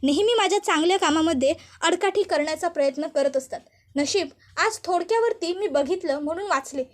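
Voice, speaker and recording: Woman doing a sugary, domineering grandmother, very high voice. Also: a little fast. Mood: scheming. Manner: bossy, falsely sweet. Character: scheming older mother-in-law, grandmother. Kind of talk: storytelling voice acting.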